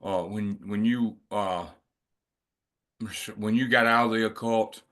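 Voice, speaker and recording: A man's voice: fairly low pitch, fairly even intonation, measured pace, fairly bright tone. A man interviewing a guest, asking long, rambling, probing questions. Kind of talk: casual interview.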